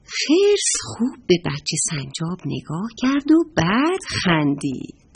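Female storyteller for children, animated, breathy, talks to the kids. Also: lowish voice. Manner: expressive, addresses the children directly.

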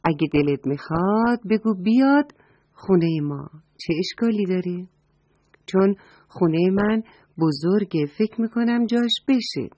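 A woman's voice: medium pitch, lively intonation, dry recording, lightly acted. Woman voicing a friendly lady deer. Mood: kind. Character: friendly generous female deer. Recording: dull dry recording, soft music.

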